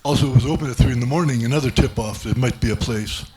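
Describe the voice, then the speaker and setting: A man's voice: mid-range voice, quick pace, darkish tone, slight background noise. A man doing stand-up, telling a rambling self-mocking story with many restarts. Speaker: stand-up comedian. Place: comedy club stage.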